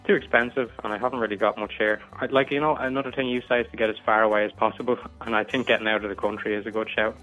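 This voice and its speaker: A man's voice: lowish voice, fairly even intonation, racing, few pauses, soft background music. A man in his twenties calling in, hesitant and stammering through many restarts. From England. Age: 20s. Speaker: caller. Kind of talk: casual advice call. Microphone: phone. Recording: tinny phone line.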